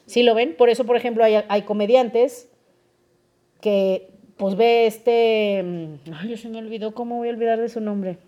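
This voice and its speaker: A woman's voice: fairly high pitch, normal speed, highs cut off. A young woman with a Mexican accent, hosting a podcast in a casual, explaining way and often checking in with her listeners. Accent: Mexican Spanish. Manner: lively, asks listeners questions often. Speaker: podcast host.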